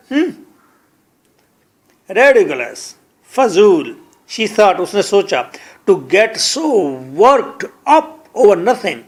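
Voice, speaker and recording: A man with a Pakistani accent teaching an English lesson, reading each line slowly and then translating and explaining it, often repeating words. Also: sits high, breathy edge.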